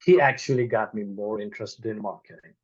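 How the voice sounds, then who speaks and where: A young man from Nepal, an e-commerce marketer, talks candidly and casually as an interview guest with a Nepali accent. His lowish voice is slightly rough and a little fast, and he relaxes into frequent "like" and "you know." The audio is dull and lo-fi.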